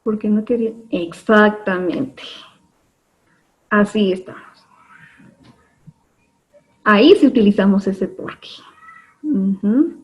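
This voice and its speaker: A woman's voice: mid-range voice, slow pace, pauses often. A woman teaching an online class, explaining patiently step by step with frequent fillers, heard over a video call. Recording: dull lo-fi online class audio.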